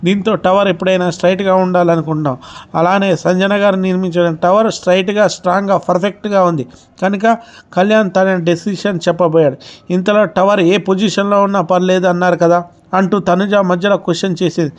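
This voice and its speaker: High-voiced man recapping reality drama. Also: steady tone, fairly quick. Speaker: reality show recap narrator. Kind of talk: spoken recap narration.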